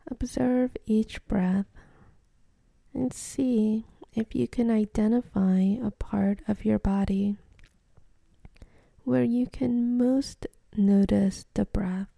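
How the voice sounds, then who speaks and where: Guiding a slow, gentle meditation full of long pauses, this woman has a soft, breathy, mid-range voice, frequently close to a whisper, with slight creak at the edges. Her tone stays steady and soothing, and the sound is close and dry.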